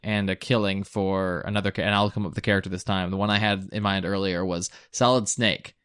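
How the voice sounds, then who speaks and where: A man with a fairly low voice chats as a podcast host. He explains in an informal, conversational way, often padding phrases with "like." The sound is very dry, with hardly any room on it. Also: fairly even intonation, fairly quick, fairly bright tone, smooth, dry recording. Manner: explanatory, peppers talk with "like". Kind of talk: casual podcast chat.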